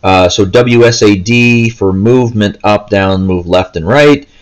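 Seated indoors with a handheld console, this male gaming host speaks in a lowish voice at a measured pace. His unscripted walkthrough is casual and hesitant, wandering along and frequently stopping partway through a thought.

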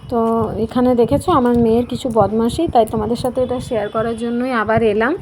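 A woman's voice: a little high, fairly even intonation, fast, a little mellow, slight background noise. A young woman chatting casually in a home vlog, talking straight to her viewers. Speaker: vlogger.

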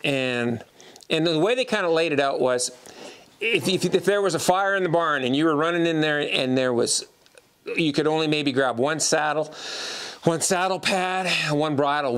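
A man in his fifties, a horseman showing his gear in a casual, folksy way, often repeating his first words, recorded on a lapel mic in an indoor tack room. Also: on the high side. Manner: folksy, repeats words when starting sentences. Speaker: horseman and teacher. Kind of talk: casual show-and-tell.

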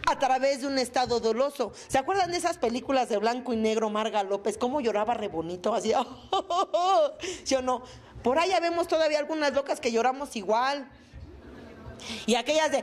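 A woman with a Mexican Spanish accent giving a testimony talk to a recovery group, crude and joking and full of slang. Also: high voice. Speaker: speaker sharing at a recovery meeting.

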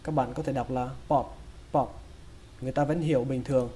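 A man with a Vietnamese accent teaching English pronunciation, breaking each word into sounds and repeating it slowly. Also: mid-range voice, fairly even intonation, mellow, a little hiss or hum. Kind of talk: slow, drilled pronunciation lesson.

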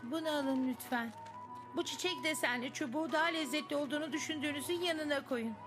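A woman's voice: high voice, fast, music in the background, close to an everyday voice. A woman voicing a polite, formal attendant in a Turkish cartoon dub. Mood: polite, instructing.

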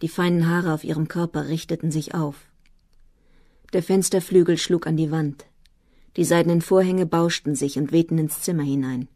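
Brief: calm woman narrator, lowish voice, dry close studio read of a novel. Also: moderate pace, no room sound. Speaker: audiobook narrator. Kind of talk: literary audiobook narration.

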